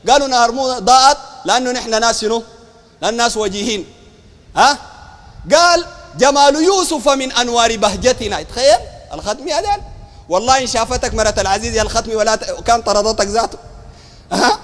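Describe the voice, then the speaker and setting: A man with a Sudanese Arabic accent preaching a colloquial sermon, animated and mocking, full of rhetorical questions. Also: very high voice, quick pace, long reverb tail.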